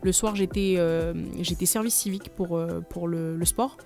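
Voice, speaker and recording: A woman's voice: lowish voice, fairly even intonation, normal speed, darkish tone, soft background music. A woman, a company manager explaining her path earnestly in a radio studio interview. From New Caledonia. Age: 20s.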